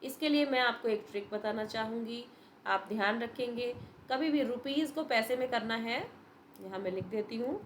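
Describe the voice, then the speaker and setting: A woman's voice: a little high, moderate pace, a little hiss or hum, poor audio. A woman teacher giving a patient, step-by-step revision lesson to young students, mixing Hindi and English. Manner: patient, explains step by step, addresses students as beta.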